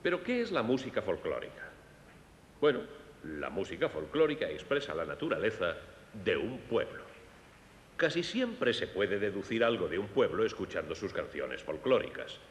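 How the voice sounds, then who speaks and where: A Castilian-accented man presenting a children's concert lecture dubs an explanation of music in a sing-song voice at normal speed. He teaches and speaks directly to the young audience. The recording has long reverb from an echoey hall plus faint rumble.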